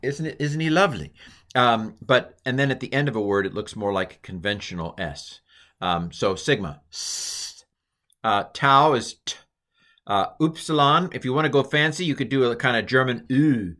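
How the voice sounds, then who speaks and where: An American Greek teacher gives a recorded lesson in a casual, jokey, self-deprecating style packed with fillers. His medium-pitched voice is expressive and sharp, and he talks at a normal speed.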